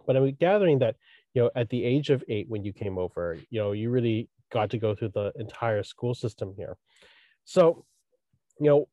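Mellow-voiced man hosting a podcast. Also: medium pitch, dry recording, highs cut off. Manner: rambling, friendly questions full of "you know". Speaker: podcast host. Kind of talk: casual interview conversation.

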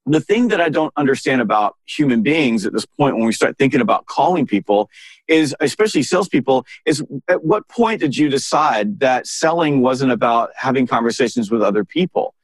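A man, a sales author guesting on an interview podcast, telling emphatic, animated anecdotes and firing off exasperated rhetorical questions. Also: mid-range voice, a little fast, no room sound.

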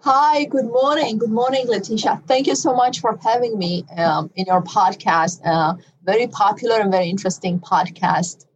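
A woman's voice: mid-range voice, moderate pace, few pauses, highs cut off, slight background noise. Romanian-accented woman telling her story. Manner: reflective storytelling. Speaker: guest, physician. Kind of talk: interview conversation.

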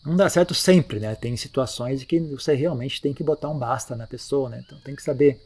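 A man giving a relaxed, conversational Buddhist dharma talk, often ending phrases with tag questions. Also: medium pitch, a little fast. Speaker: Buddhist teacher. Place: monastery.

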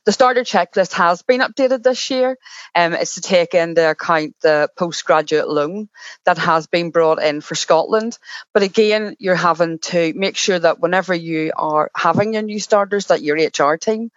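A woman's voice: fairly low pitch, moderate pace, no echo. Brief: female panel expert, practical advice, dry dull sound. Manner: practical, advising tone. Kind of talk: explanatory panel talk.

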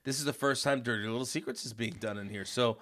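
A man's voice: mid-range voice, fast, a bit bright. A man co-hosting a podcast in casual, joking, self-mocking banter. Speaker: podcast co-host.

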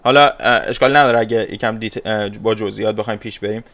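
A man's voice: lowish voice, fairly even intonation, fairly bright tone. Hesitant man asking interview questions. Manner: hesitant, many filler sounds, polite.

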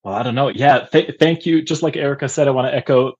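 Husky-voiced male teacher on a dull call line. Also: medium pitch, fast talker. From Austria. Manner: thoughtful, with frequent uh fillers. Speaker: guest, language teacher. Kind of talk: casual interview chat.

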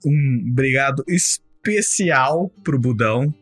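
Brief: Brazilian male host, husky, mid-pitched, relaxed and slangy, over faint music. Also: unhurried, no room sound. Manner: laid-back, slangy, wraps up and thanks guests. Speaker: podcast host. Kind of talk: casual chat.

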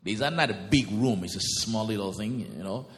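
A man's voice: on the low side, fairly quick, in a large hall. A man in his late thirties from Haiti, a guest pastor telling his life story in church. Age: 30s. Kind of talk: interview testimony in church.

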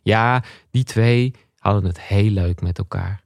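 A man reading a comic story he wrote himself, in a deliberate storybook narration. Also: on the low side, gravelly, dry recording. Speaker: comedian reading his own story.

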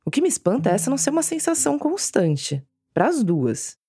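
Uma mulher narrando um podcast com texto roteirizado, em ritmo de contação de história. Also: female voice, high voice, very animated, warm tone, husky, dry recording, clean studio sound. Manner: measured storytelling narration. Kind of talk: scripted narration.

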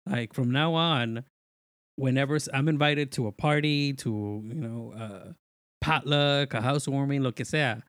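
A man's voice: medium pitch, unhurried, fairly bright tone, dry recording. A man from Mexico talks as a podcast guest in a casual, storytelling way. His voice sits mid-range, sounds dry and close, and his phrasing is informal and slangy. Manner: informal, slangy, quotes himself while telling stories. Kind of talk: casual chat and personal storytelling.

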